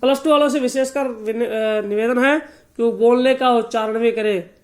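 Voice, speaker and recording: Man teaching music, high voice. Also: steady tone. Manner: slow repetitive explanation, stretching out sung sargam notes. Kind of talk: spoken lesson with sung note examples.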